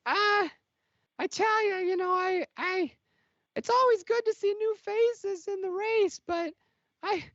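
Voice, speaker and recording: A squeaky stammering young racer. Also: male voice, takes it slowly, a bit bright, no echo, exaggerated voice. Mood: eager. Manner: rambling, stammering, giggly. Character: nervous chatty young male podracer. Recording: dull lo-fi audio.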